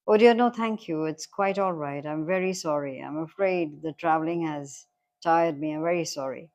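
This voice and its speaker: A woman voicing an elderly male butler, stiff and formal, with very restrained politeness. He apologizes quietly and keeps himself in check. It sounds like a novel being read aloud. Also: low voice, moderate pace, dull audio.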